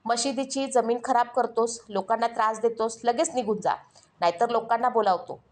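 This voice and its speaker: A woman's voice: a little high, steady tone, normal speed, a little mellow, natural voice. A woman voicing a clever, stern blind male mullah who scolds. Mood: scolding.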